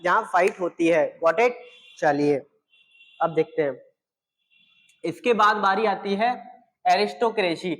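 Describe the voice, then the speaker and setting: High-voiced man teaching vocabulary with reverb. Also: slow, long pauses, a bit bright. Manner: repeats key words and quizzes viewers with questions. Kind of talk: exam-prep vocabulary lesson.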